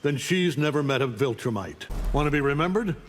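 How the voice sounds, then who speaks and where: A man's voice: on the high side, lively intonation, brisk, soft background music, close to an everyday voice. Omni-Man, arrogant alien conqueror played by a man, reverberant. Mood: contemptuous. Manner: scornful, commanding. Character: arrogant, domineering alien conqueror, middle-aged man, contemptuous. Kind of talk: video game character dialogue. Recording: long hall reverb.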